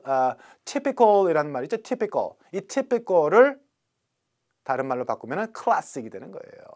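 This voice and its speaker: A middle-aged man gives an English vocabulary lecture with a lively, swinging pitch. He is chatty and playful, and he stretches each English word out slowly. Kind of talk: recorded classroom lecture.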